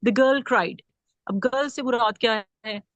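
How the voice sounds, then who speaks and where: A woman's voice: a little high, slow pace, fairly bright tone, no echo, dull audio. Woman teaching grammar, dry close sound. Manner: explains patiently, checks in with "theek hai" often. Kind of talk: classroom grammar lecture.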